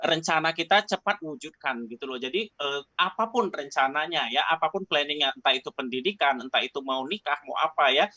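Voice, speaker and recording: Speaking remotely over a call line that keeps dropping, a higher-pitched man answers questions as a guest expert, chatty and quick with few pauses and a sharp tone. His casual explanations often end with an offhand tag, and the remote call mic gives dull, dry audio with no room sound.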